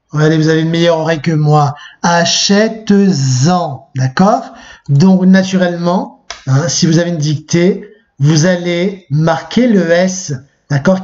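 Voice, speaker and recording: A male teacher with a fairly high voice gives a video grammar lesson to young pupils. He explains patiently step by step and slows down on each example form. The recording sounds dull and lo-fi. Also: a little mellow. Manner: patient, explains step by step, repeats "d'accord?" often; slows down to spell out example forms. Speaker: French teacher.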